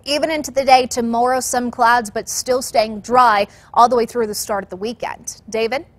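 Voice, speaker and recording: A woman's voice: on the high side, steady tone, moderate pace, fairly bright tone. A woman presenting weather and traffic updates in a conversational broadcast style.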